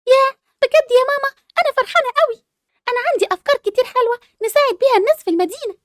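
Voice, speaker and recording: A woman's voice: extremely high pitch, racing, no echo, clean studio sound. A woman voicing a sweet, kind schoolgirl. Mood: earnest. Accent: Egyptian. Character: kind, gentle schoolgirl sister who loves helping.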